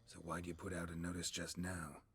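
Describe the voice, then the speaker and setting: An actor playing a terse, gruff male monster hunter in a video game, speaking curtly in a low, gravelly, half-whispered voice. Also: completely flat delivery, brisk, heavily acted. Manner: curt, matter-of-fact questions.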